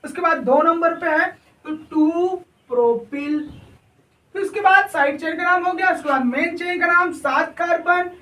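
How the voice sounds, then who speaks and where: A man's voice: very high-pitched, normal speed, bright, forceful tone. A male chemistry teacher giving a classroom lecture. He keeps asking his students questions and answering them himself, often checking that the class is following. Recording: echoey room, voice far from mic.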